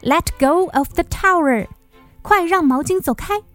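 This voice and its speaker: A woman's voice: extremely high pitch, measured pace, soft background music, voice pushed up. A woman voicing a young owner calling playfully to a naughty puppy, sing-song, as when reading a storybook to a toddler.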